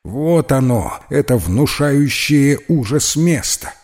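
A man's voice: medium pitch, lively intonation, slow, darkish tone, voice pushed up. A man voicing a whiny, theatrical red-haired schoolboy in a children's storybook. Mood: dramatic. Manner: complaining, theatrical sighs. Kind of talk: storybook character voice.

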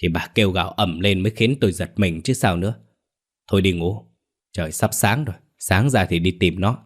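A man doing a gruff old village father. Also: low voice, brisk. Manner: gruff, dismissive.

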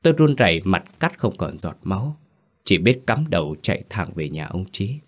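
Casting: male storyteller, low voice, grave and tense horror narration. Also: big pitch swings, moderate pace.

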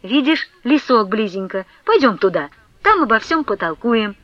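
A woman reading a story aloud voices a timid, frightened man who pleads in a hushed, slow voice. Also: on the high side, very animated, slight background noise. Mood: pleading. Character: timid frightened middle-aged man, pleading under his breath. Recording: dull, dry lo-fi recording.

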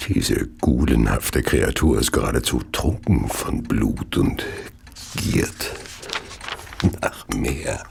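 A man playing a gloating, well-to-do Victorian serial killer in a radio play, speaking in a slow, savouring, theatrical way with a gravelly, husky voice. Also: extremely low pitch, expressive, a little hiss or hum, full character voice. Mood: savouring, mocking. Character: gloating, arsenic-addicted Victorian serial killer, wealthy gentleman. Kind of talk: German radio play monologue and narration.

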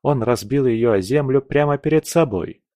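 A man narrating a fantasy audiobook in a measured, dramatic reading. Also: medium pitch, dark tone, no echo, clean studio sound.

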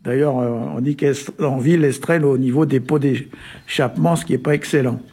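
A man from Brittany explaining word meanings in a relaxed, hesitant way, full of little fillers and chuckles. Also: medium pitch, fairly quick, breathy edge. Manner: hesitant, many "euh" and "hein" fillers, chuckles often. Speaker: Breton language expert on a radio show. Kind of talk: casual explanatory chat.

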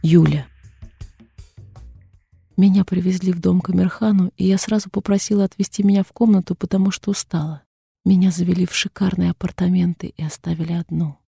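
Gravelly, husky woman reading a novel. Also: lowish voice, level tone, fast, mellow, no room sound, clean studio sound, faint music behind. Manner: subdued, introspective reading. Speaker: audiobook reader. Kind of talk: first-person novel narration.

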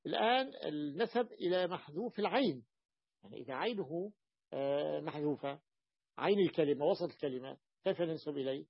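A man's voice: fairly high pitch, animated, brisk, vocal fry, breathy edge, dry recording. A male teacher explaining a grammar text to his students, repeating terms and often asking the class questions. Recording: dull lo-fi dry recording.

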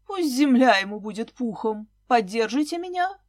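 A woman's voice: a little high, very animated, moderate pace, dry recording, clean studio sound. Woman reading as a sighing, tipsy mourner. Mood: solemn. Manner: sighing, solemnly preachy. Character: sighing, tipsy man drinking at a wake.

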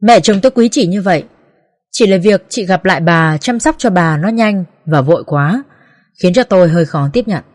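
A woman's voice: lowish voice, animated, normal speed, a little mellow, big-room sound. Woman reading a sad family story. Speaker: audiobook narrator. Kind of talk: scripted first-person story narration.

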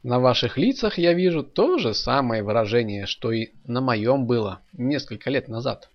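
A man's voice: medium pitch, animated, moderate pace, lightly acted. A man voicing a thoughtful adult man who explains earnestly in an audiobook story. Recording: dull lo-fi audio.

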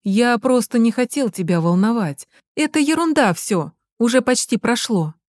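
Woman doing a teen boy, raised high voice, eager, mellow tone. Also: expressive, normal speed, dry recording, studio quality, natural voice. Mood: dismissive. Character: teenage boy, eager, evasive son.

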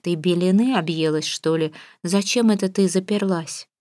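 A stern middle-aged mother, as a woman reads her in a storybook, scolds and orders her daughter about. The voice is fairly low and close to the reader's own. The sound is dry. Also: normal speed, darkish tone, no room sound, close to an everyday voice. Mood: scolding. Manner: scolding, bossy. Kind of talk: audiobook character voice.

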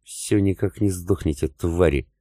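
Raging spiteful stepmother, read by a male narrator, slow and venomous, deep, dry studio sound. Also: dark tone, no echo. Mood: furious. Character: furious, spiteful stepmother, middle-aged.

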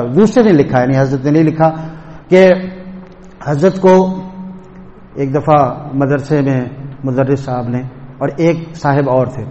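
A man's voice: on the high side, darkish tone, highs cut off. A man leads a religious gathering. He tells stories and acts out the voices of the people in them. His voice rings with the long reverb of a large mosque hall. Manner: storytelling with acted quotes and a sung couplet. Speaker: religious teacher. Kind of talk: sermon.

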